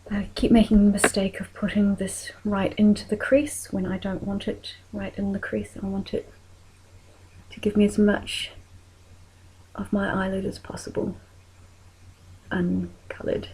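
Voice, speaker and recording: A woman with a New Zealand accent talking through a makeup tutorial in a soft voice that often drops to a whisper while she works. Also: medium pitch, little pitch movement, unhurried, long pauses, husky, poor audio.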